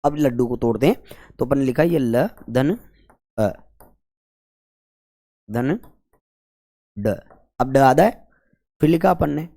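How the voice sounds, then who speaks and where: A man's voice: mid-range voice, creaky, mellow. Male teacher drilling students. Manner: repetitive call-and-response questioning, colloquial 'apan'. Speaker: Hindi grammar teacher. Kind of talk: whiteboard grammar lesson.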